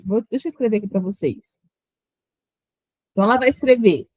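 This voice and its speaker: A woman's voice: mid-range voice, animated, a little fast, darkish tone, no echo. A woman teaching an exam-prep lesson on children's writing, explaining patiently and sounding out words syllable by syllable. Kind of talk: online exam-prep lecture.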